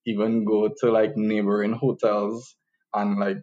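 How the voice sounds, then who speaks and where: A man from Trinidad with a Trinidadian accent, a podcast guest chatting casually and relaxed. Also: fairly low pitch, measured pace. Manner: relaxed, many "like" fillers. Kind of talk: casual interview chat. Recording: dull lo-fi call audio.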